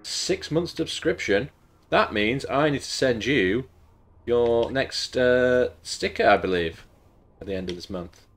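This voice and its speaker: A man in his thirties speaks at a medium pitch with lively intonation and a slightly slow pace. Congested and losing his voice, he streams a game from home, rambling and chatting casually with jokey asides.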